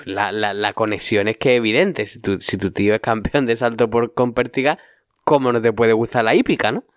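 Low-voiced hesitant man. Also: brisk, dry recording, clean studio sound. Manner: hesitant, with many fillers and restarts. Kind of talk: casual chat.

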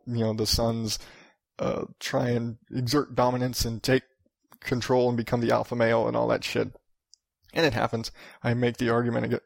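A man's voice: mid-range voice, creaky, no room sound, studio quality. A man in his thirties rambling through a casual solo podcast monologue, profane and self-mocking. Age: 30s. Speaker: podcast host.

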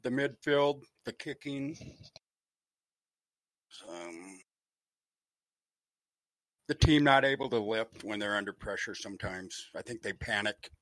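A man's voice: on the low side, takes it slowly, pauses often, a bit bright, no echo. An Australian man calling in to a sports talk show on a crackly phone line that fades in and out, hesitant but firmly opinionated. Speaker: caller.

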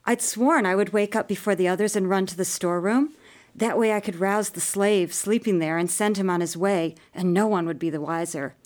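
A woman narrating a first-person story in a measured, expressive audiobook reading. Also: mid-range voice.

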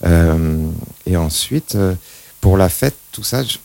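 A man from the Limousin region of France, a guest on a casual radio interview, who answers hesitantly with many pauses. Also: sits low, lively intonation, creaky, warm tone. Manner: hesitant, many fillers and restarts. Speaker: guest, professional firefighter.

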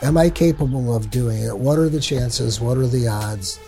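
A man who investigates cold cases talks plainly and bluntly. He restarts his sentences a lot, and soft music plays faintly behind him. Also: medium pitch, moderate pace. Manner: blunt, repeats words and restarts. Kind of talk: candid interview.

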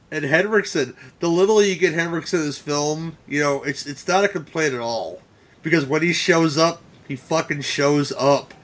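A man co-hosts a podcast, casually chatting about films while swearing and laughing as he retells scenes. His voice is fairly high in pitch with a fairly bright tone.

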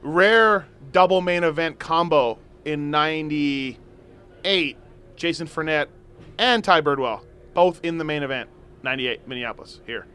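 A man's voice: on the high side, measured pace, pushed and bright, clean tone. A man hosting a casual sports talk show, with blunt, teasing banter. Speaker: host.

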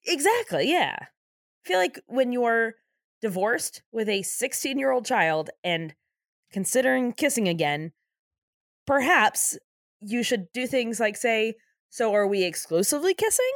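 A woman's voice: a little high, expressive, takes it slowly, no echo, clean studio sound. A young woman co-hosting a casual chat, wry and teasing as she recaps a TV show. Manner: wry, teasing, laughs often, swears casually. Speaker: podcast co-host.

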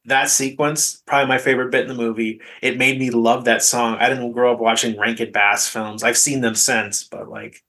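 A man's voice: mid-range voice, little pitch movement, moderate pace, hardly any pauses, sharp tone. A man co-hosting a podcast, chatting casually about a film and laughing between points. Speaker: podcast co-host.

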